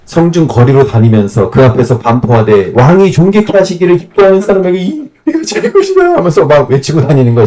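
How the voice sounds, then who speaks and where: A man teaching at a Bible camp, retelling a scripture story in a lively, colloquial way and acting out the scenes as he goes. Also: medium pitch, poor audio.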